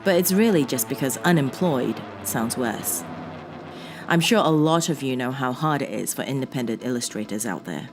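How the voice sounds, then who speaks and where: A woman's voice: very deep voice, lively intonation, moderate pace. A young woman playing an introverted, obsessive female artist, narrating a first-person horror story in a conversational, confessional way over music. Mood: wry, confiding. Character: introverted, obsessive 23-year-old female freelance artist confiding her story.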